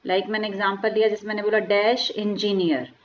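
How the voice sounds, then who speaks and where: A woman teaching English grammar in a lecture, asking rhetorical questions and slowly spelling out words. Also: medium pitch, flat delivery, dull audio, slight background noise. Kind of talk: classroom lecture explaining grammar.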